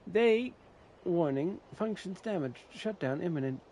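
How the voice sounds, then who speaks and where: A man voicing an ancient guardian machine that is malfunctioning and shutting down, with halting, cut-off warnings. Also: high voice, animated, darkish tone, a little hiss or hum. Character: ancient guardian machine breaking down mid-message. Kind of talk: reading game dialogue aloud.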